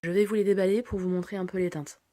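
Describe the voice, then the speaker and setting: A woman's voice: mid-range voice, fairly even intonation, quick pace, warm tone. A woman vlogger casually walking through a haul of products and their prices, chatty with frequent fillers. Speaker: beauty vlogger.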